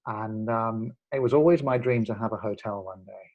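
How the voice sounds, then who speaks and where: With a fairly low, slightly mellow voice at a moderate pace, a man in his forties tells his story as a guest in a casual chat. He sounds earnest and reflective, with lots of fillers and restarts, and the video-call sound is lo-fi.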